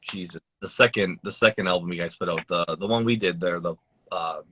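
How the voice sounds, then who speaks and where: A man interviewing a musician for a record label, asking loose, halting questions in casual chat. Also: low-pitched, fairly bright tone, slight background noise.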